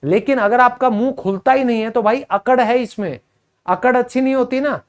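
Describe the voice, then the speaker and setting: A man with a Hindi accent teaching English vocabulary, repeating each word slowly and quizzing his students. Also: very high voice. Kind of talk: spoken English lesson.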